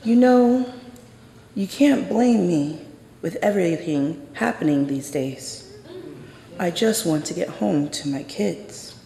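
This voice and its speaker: A woman's voice: lowish voice, animated, slow, gravelly, dark tone, heavily acted. A woman storyteller voicing a frantic armed woman police officer, speaking in tense, clipped commands. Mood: relieved. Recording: echoey hall from a stage.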